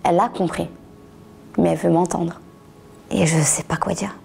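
Low gravelly woman, halting testimony. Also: steady tone, mellow. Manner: halting, restarts words, drops to a near whisper at times. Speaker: author giving a testimony. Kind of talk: personal testimony interview.

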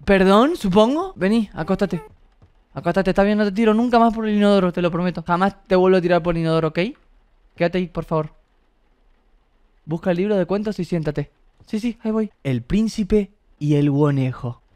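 A young man, joking and swearing in excitable let's-play commentary. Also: high voice, brisk, smooth, no room sound. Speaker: gaming streamer.

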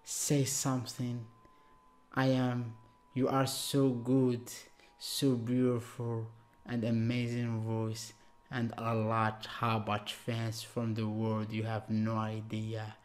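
Slow-talking Algerian man in his thirties. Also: medium pitch. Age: 30s. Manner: excitable, broken English, frequent exclamations. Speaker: music reaction YouTuber. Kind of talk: casual reaction vlog. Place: small room with blue backdrop. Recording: loud music playing underneath.

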